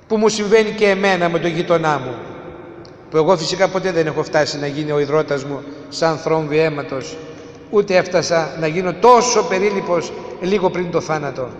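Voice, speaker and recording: Man, preacher, high voice, emphatic sermon, rhetorical questions, loud-to-hushed swings, long hall reverb.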